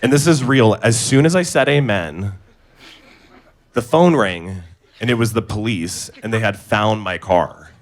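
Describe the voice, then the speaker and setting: A young man from Indonesia performing a stand-up comedy set, delivering absurd punchlines in a deadpan way on a club stage. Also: on the low side, measured pace. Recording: live club set with clear audience noise.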